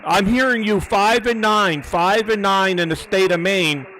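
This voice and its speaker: A high-voiced man runs a live amateur radio test. He methodically repeats short phrases and call signs, with faint radio noise behind him. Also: a little slow, sharp tone, rough recording. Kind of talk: live radio contact and antenna test commentary.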